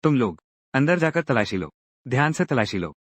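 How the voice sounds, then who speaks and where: A man's voice: mid-range voice, sing-song, normal speed, no room sound. A man narrating a drama recap and voicing every character's lines himself, acting each one out in turn.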